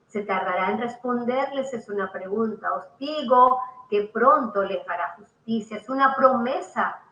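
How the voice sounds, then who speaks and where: Bright-voiced woman preaching in an echoey room. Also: on the high side, unhurried, muffled recording. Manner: preaching with rising emphasis, repeating phrases and interjecting hallelujah. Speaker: prophet and TV program host. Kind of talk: televised sermon.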